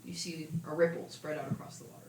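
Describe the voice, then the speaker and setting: A woman's voice: low-pitched, steady tone, fast. Casual young woman GM, chatty, filler-heavy, recorded in an echoey room with noise behind. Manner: chatty, loose, lots of fillers. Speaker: game master. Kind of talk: casual tabletop narration.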